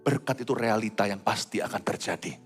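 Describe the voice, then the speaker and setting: A middle-aged man preaching a sermon, swinging between loud high exclamations and hushed low asides. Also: a little fast, big-room sound, soft background music. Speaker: pastor.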